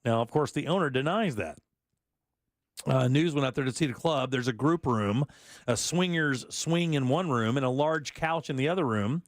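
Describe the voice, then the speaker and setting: A man's voice: medium pitch, normal speed, no echo, clean studio sound. A man hosting a radio talk show, reading news items with casual asides and frequent laughs. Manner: chatty, laughs often, reads stories with asides.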